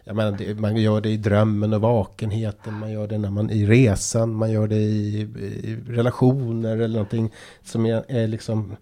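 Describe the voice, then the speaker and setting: A man's voice: fairly low pitch, completely flat delivery, warm tone. A man hosting a talk about poetry, speaking hesitantly with many restarts as he explains. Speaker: podcast host. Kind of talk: casual discussion of poetry.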